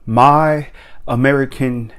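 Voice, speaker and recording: A middle-aged man from Tonga, a personal development coach, giving a reflective motivational talk from his office in a measured, drawn-out way with frequent fillers. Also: medium pitch, fairly even intonation, music in the background.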